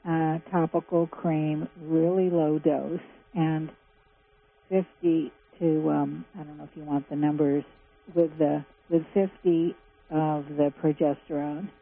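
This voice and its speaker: Over a tinny phone line with a faint hum, a woman in her seventies calls into a radio show with a question. Her low, creaky voice is flat and slow, and she's chatty and detailed.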